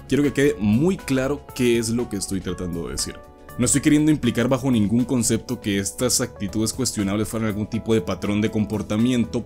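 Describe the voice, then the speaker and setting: A man's voice: lowish voice, darkish tone. A man delivering scripted video commentary in an emphatic, explanatory way. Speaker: video essay host. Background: background music.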